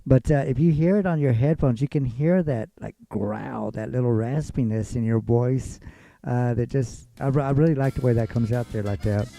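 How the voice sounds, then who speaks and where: A man's voice: medium pitch, normal speed, gravelly, mellow, dry recording, faint music behind. A man hosting a casual radio interview, talking loosely with lots of fillers. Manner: loose, filler-heavy talk. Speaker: radio show host.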